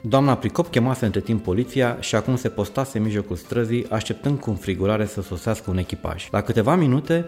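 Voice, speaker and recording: A man with a fairly low voice reads a children's story aloud, lively and expressive. Faint music plays quietly under his narration. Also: few pauses.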